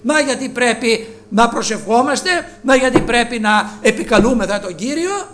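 A man preaching a sermon with fervor, rising to loud calls and dropping low. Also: expressive.

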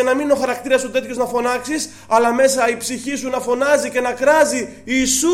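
A man preaching a sermon to his congregation, asking rhetorical questions and quoting scripture earnestly. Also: extremely high pitch.

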